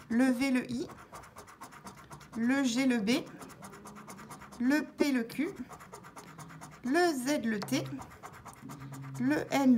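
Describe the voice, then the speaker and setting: A woman vlogger talking through her scratch-card tickets, calmly spelling out letters one by one as she checks each word, with scratching sounds behind her. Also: sits high, a little hiss or hum. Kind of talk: casual narration while scratching tickets.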